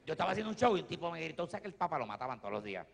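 A Puerto Rican comedian performing stand-up on a theater stage, talking in a lively way with big swings in his voice. His tone is fairly high and gravelly, and it rings with a long echo off the hall. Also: racing. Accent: Puerto Rican Spanish. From Puerto Rico. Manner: animated, swings from low asides to loud shouts.

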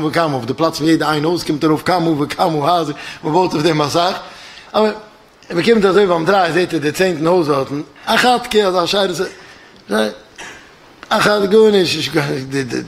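A man delivering a yeshiva lecture, his voice sitting a touch higher than most men's. He spins a parable, jumping into the characters' lines with bursts of energy and frequent restarts. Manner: animated storyteller acting out dialogue, many restarts. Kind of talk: religious lecture told as a parable.

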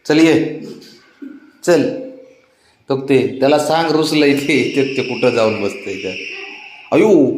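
A man's voice: medium pitch, darkish tone, echoey room, slight background noise. A man coaxing and teasing his sulking pet cat in a casual home video.

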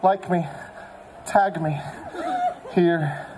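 A man's voice: fairly high pitch, fairly even intonation, drawn-out words, darkish tone. A middle-aged man doing playful, wry comedy patter as a stage performer at an outdoor fair, projecting like a showman. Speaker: fair stage performer, fire and whip act. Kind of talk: live street-show comedy patter. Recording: noisy outdoor crowd recording from audience. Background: crowd noise and laughter.

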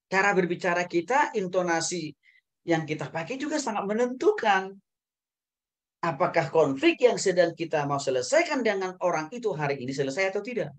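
A man, a pastor, giving a lecture to a Bible school class, animated, swinging between loud emphatic highs and soft low asides and often tagging his phrases with a quick "ya" or "saudara".

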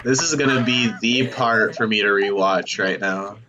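A man's voice: lowish voice, normal speed, highs cut off, noisy background. Young man cracking jokes on voice chat. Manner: dry joking commentary. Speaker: player in the lobby. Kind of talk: casual voice chat in a game lobby.

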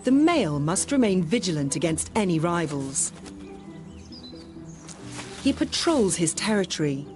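A woman's voice: lowish voice, big pitch swings, measured pace, long pauses, over music. A woman reading scripted narration for a nature documentary.

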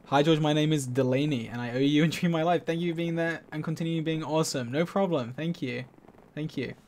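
A man chats his way through a gaming livestream, reading viewer donations aloud and laughing easily. His voice sits a little on the high side. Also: slight background noise. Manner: reads donations aloud, excitable, quick to laugh. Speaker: streamer. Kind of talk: casual gaming stream chat.

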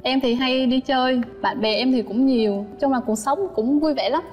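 A woman's voice: sits high, moderate pace, muffled recording. A woman on a dating show, polite and sweet, asking her date lots of questions. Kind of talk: casual chat on a first date. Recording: studio sound with reverb and loud music.

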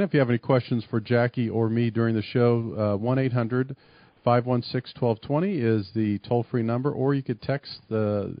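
A man's voice: on the low side, no room sound, muffled recording. Man hosting a radio talk show. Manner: casual, friendly questions with fillers.

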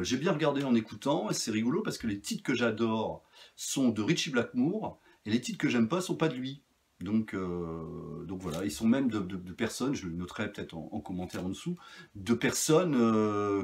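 A man casually reviewing his vinyl finds, chatty and rambling with many fillers and restarts. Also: medium pitch. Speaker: record collector vlogger.

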